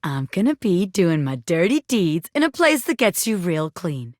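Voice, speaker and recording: In a dry, studio-quality recording, a woman with a fairly low, sing-song voice speaks at a normal pace as she voices a video game character: a cocky, self-important bobby pin convinced it's a crime boss. Sly and persuasive, she swaggers through slangy, boastful lines sprinkled with pet phrases.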